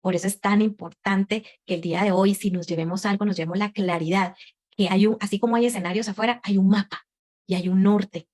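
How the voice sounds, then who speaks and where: Expressive woman leading a group talk. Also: mid-range voice, brisk. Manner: rhetorical questions, acts out quoted voices; expressive, animated delivery. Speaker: conversation facilitator.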